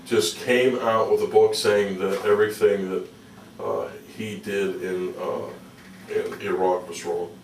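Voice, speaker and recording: A man with a deep voice recounts things casually as an interview guest, halting and folksy. He is recorded at some distance in an echoey room. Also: little pitch movement. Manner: halting, repeats words, folksy. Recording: roomy, distant mic with faint noise.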